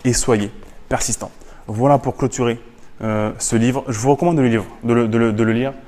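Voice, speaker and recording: A lively man talks straight to his audience, laying out tips one by one. His pitch sits in the middle range for a man, and he keeps coming back to the same phrases for emphasis. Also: fairly quick, long reverb tail. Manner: energetic, repeats phrases, mixes English quotes. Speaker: business YouTuber. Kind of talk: casual book summary to camera.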